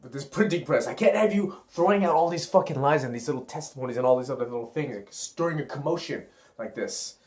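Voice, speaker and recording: A man's voice: mid-range voice, animated, quick pace, darkish tone, lightly acted. A man voicing an angry older brother who scolds and dismisses his younger sibling. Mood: scornful. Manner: scornful, scolding. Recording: roomy echo.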